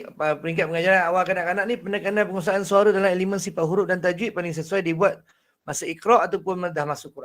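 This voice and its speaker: A man with a Malaysian Malay accent and a naturally husky, breathy voice, teaching a Quran recitation class in a lively way, with frequent laughs. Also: a little high. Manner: animated, laughs often, demonstrates voices. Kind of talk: online lecture.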